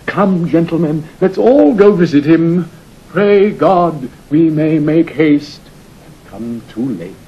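A man's voice: expressive, takes it slowly. An actor playing a haughty, mocking young king in a declamatory, classical Shakespearean audio drama style. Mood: gleefully callous. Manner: declamatory, crisply theatrical, sardonic. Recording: dull vintage 1960 recording, faint rumbling hiss.

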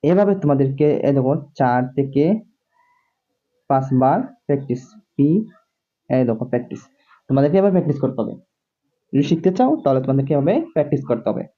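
A man's voice: mid-range voice, fast, long pauses. Repetitive man teaching English words. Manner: repetitive, drills words over and over; keeps asking "see?" to the viewer. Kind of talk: classroom-style video lesson. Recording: dull lo-fi recording.

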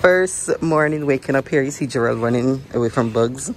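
Speaking at a moderate pace in a rumbling low voice, this woman vlogs her travels, chatty and cheerful, addressing "you guys" as she walks around town and stops in little cafes. There's a slight hiss or hum, and loud background music sits over her voice.

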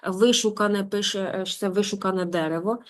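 A woman's voice: mid-range voice, fairly even intonation. Woman teacher reading and explaining. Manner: reads German slowly, then translates and explains in quick asides. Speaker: German teacher. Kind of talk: reading a German story aloud and translating for a class.

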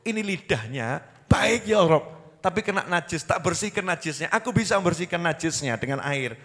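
A man voicing a pious elderly male scholar softly pleading in prayer, with an echoing hall behind. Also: high-pitched, lively intonation, normal speed. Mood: tender prayer.

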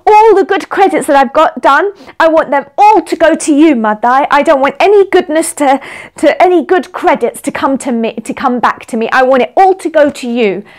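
A woman's voice: sits high, expressive, brisk, few pauses. Woman voicing a joyful, forgiving male saint. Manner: eager, repeats himself warmly. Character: gentle devoted male saint, overjoyed to forgive.

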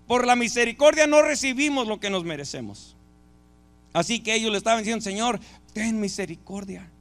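A man's voice: very high-pitched, fairly bright tone. A male pastor, preaching a sermon and asking the congregation rhetorical questions.

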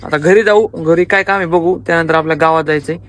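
A man's voice: on the high side, quick pace, fairly bright tone. A young man casually vlogging around his rural farm, chatting to his viewers as friends on a handheld phone. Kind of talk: casual vlog chat. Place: rural farmyard and fields, outdoors.

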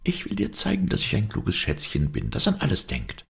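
A man's voice: low-pitched, wildly swooping pitch, fairly quick, gravelly, full character voice. A man voicing a spirited young woman circus rider in an audiobook, talking in an urgent, playful rush. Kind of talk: audiobook character voice.

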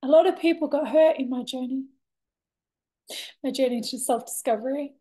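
A woman in her thirties, with a high-sitting voice, gives a candid, reflective monologue to camera as a vlogger sharing a personal story. She is expressive, using deliberate pauses and dramatic emphasis, recorded on a laptop webcam at desk distance in a bright room with large windows.

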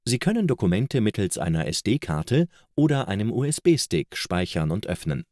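Deep-voiced man narrating a product video. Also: sing-song, moderate pace, darkish tone, no echo, clean studio sound. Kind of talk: scripted promotional narration. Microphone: close studio voice-over microphone.

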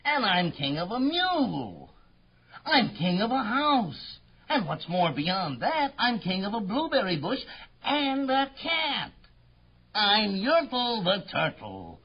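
A man's voice: high-pitched, huge pitch swings, takes it slowly, slightly rough, highs cut off, heavily acted. A man playing a pompous, boastful turtle king in a children's story, grandiose, bellowing and imperious. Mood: smug, self-delighted. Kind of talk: theatrical children's story acting.

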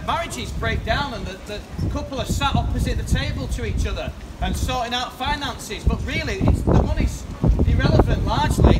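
High-voiced man preaching on a wet street. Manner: chatty, questions passers-by directly. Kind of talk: open-air street preaching. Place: rainy town-centre pedestrian street, outdoors. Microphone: far camera across the street. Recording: distant street recording with loud outdoor noise.

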